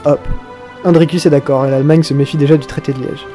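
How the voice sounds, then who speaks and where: A man's voice: fairly high pitch, steady tone, fast talker, warm tone, soft background music. A young man hosting a casual game tutorial, chatty, swearing now and then and breaking into mock-dramatic outbursts. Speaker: video game tutorial host.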